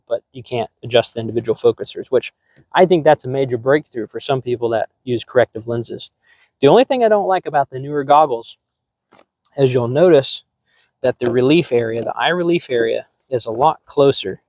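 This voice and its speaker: Casual, relaxed product talk comes from a middle-aged man who hosts a drone hobby channel, addressing the camera with rambling speech, many ums and frequent restarts. His voice is mid-range with no echo.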